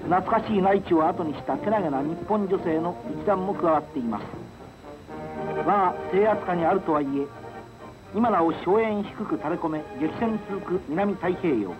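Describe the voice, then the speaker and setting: A man narrates an old wartime newsreel in a formal, solemn announcing style. The sound is dull and lo-fi, like an old film soundtrack, with clear music beneath his voice. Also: high voice, normal speed.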